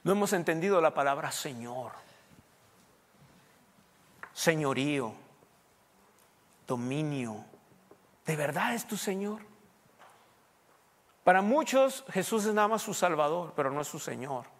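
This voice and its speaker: A man delivers a conversational sermon, pressing his listeners with rhetorical questions and slipping in English phrases now and then. His voice sits somewhat high for a man, and a long reverb trails behind his words. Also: very animated, measured pace, pauses often. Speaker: preacher. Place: U.S. Southwest.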